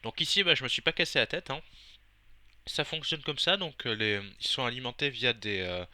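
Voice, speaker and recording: A man's voice: mid-range voice, moderate pace, sharp tone, no room sound. A young man casually narrating his gameplay to viewers, hesitant, with many fillers and self-corrections. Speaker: Minecraft server player and video host.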